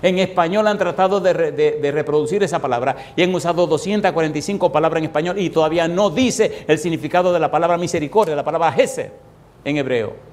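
A man's voice: on the high side, a little mellow. Man preaching, repeats rhetorical questions. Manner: slows down and stresses key phrases. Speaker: pastor. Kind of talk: evangelistic sermon.

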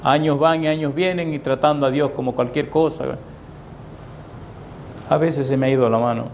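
A man's voice: mid-range voice, fairly even intonation, moderate pace, gravelly, darkish tone, slight background noise. A man preaching a sermon with dramatic swings, at times acting out the voices of people in his stories. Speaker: pastor.

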